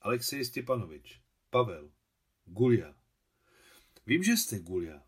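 A man's voice: fairly low pitch, big pitch swings, husky, exaggerated voice. A man reading as a kindly old watchman. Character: old male hospital watchman, humble and kindly. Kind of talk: audiobook reading.

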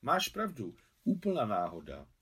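A man reading aloud, voicing a playful, gently mocking young woman. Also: medium pitch, huge pitch swings, slightly rough, voice pushed up, exaggerated voice. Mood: teasing. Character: teasing young woman, Liza.

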